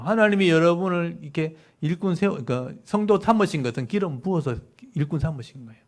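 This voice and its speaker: A man's voice: a little high, darkish tone. A man preaching a sermon as pastor, reading verses aloud and explaining Hebrew words to his congregation.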